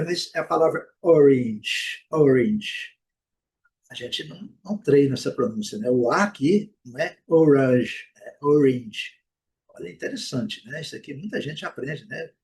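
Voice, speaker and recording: A man with a Brazilian Portuguese accent teaching English pronunciation, modeling each word slowly several times and checking in with frequent "né?" and "ok?". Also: mid-range voice, breathy edge. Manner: repeats words slowly, frequent "né?" and "ok?". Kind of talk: explaining pronunciation, slow modeled repetitions.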